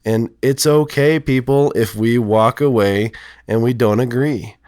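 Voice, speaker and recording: A male counselor with a voice lowered by illness, explaining in a rambling, hesitant way full of fillers. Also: unhurried, a little mellow, no room sound, studio quality. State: sick, voice lowered from strep throat. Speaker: counselor and podcast co-host. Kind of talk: casual podcast conversation.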